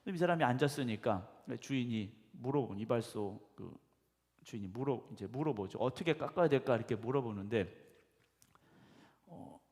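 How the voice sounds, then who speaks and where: A male pastor preaching a conversational sermon, often putting questions to the congregation and affirming with a quick "yes.". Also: mid-range voice, darkish tone. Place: church sanctuary. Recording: echoey church hall.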